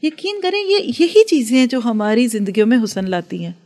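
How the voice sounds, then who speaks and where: A woman's voice: a little high, sing-song, fairly quick, a little mellow. A woman giving an earnest religious lecture to a class, advising and acting out everyday dialogues. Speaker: religious teacher.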